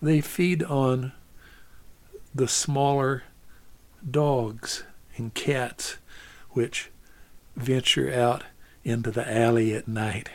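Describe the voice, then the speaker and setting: A man telling a story in an unhurried, easygoing way, often repeating words as he gathers his thoughts. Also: mid-range voice, steady tone, a little mellow. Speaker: storyteller and singer.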